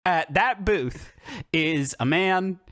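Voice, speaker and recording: A man's voice: sits high, animated, slow, fairly bright tone, no echo, studio quality. A man co-hosting a casual comedy film podcast, retelling scenes with laughter and filler. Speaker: podcast co-host.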